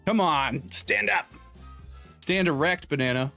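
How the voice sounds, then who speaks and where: Man, young adult, streamer host, joking, slightly high voice, faint music under the voice. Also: a little slow, bright, forceful tone. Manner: joking, reads out viewer names and donations. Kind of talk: casual live-stream chat. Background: background music.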